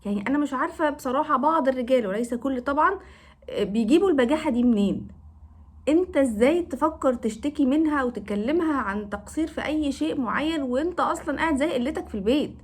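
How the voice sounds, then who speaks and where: A woman's voice: high-pitched, animated, quick pace. A woman with an Egyptian Arabic accent giving advice straight to camera, scolding careless husbands with pointed rhetorical questions. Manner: reproachful, lecturing, addresses husbands directly with rhetorical questions. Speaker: advice vlogger. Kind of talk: direct-to-camera advice talk.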